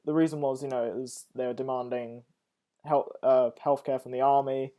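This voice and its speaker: A man's voice: medium pitch, level tone, normal speed, warm tone. A man hosting a casual interview, often stumbling and repeating his words. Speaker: host.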